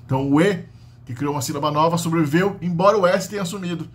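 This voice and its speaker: A man's voice: fairly high pitch, fast. A Brazilian man with a Brazilian Portuguese accent giving an unscripted linguistics lesson, explaining step by step with frequent tag questions and restarts. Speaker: linguistics teacher. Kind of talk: unscripted lecture.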